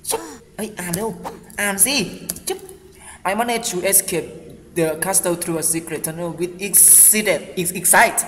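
Excitable man on gameplay commentary. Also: high-pitched, drawn-out words, slight background noise. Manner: excitable, reads and translates in-game English aloud. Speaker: gaming channel host. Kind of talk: let's play commentary. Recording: hall-like reverb with game music behind. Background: game music and sound effects.

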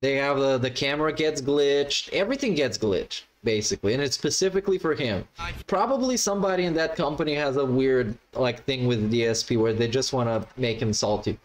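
A man's voice: mid-range voice, expressive, brisk. A man giving blunt, mocking, sweary casual commentary as a streamer reacting to gameplay. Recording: noisy livestream with game audio.

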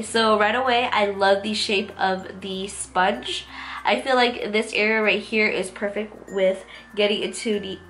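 The recording quality is low as a woman in her twenties reviews makeup from a small indoor room at home, with music in the background. She is a beauty vlogger, casual and gushing. Her mid-range, fairly bright voice sounds nasal and stuffed up from a cold she's recovering from.

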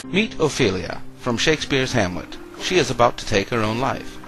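A man's voice: mid-range voice, big pitch swings, normal speed, gravelly, over loud music. A man delivering scripted comedy narration as a narrator.

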